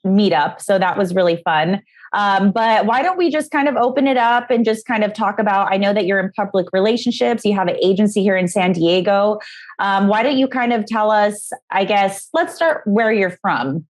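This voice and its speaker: A young woman co-hosting an interview, upbeat and halting, with many fillers. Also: mid-range voice. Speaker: podcast co-host, interviewer. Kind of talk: casual interview talk.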